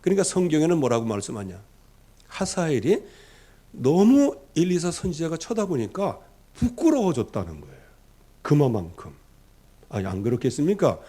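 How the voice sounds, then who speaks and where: A man preaching a sermon as pastor, telling the story dramatically, acting out the characters he quotes, and dropping from loud emphasis to soft low asides.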